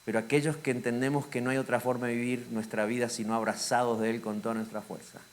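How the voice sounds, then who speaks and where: A man pastor preaching a sermon with a Rioplatense Spanish accent, swinging from loud emphatic lines to hushed, intimate ones. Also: mid-range voice, little pitch movement, quick pace.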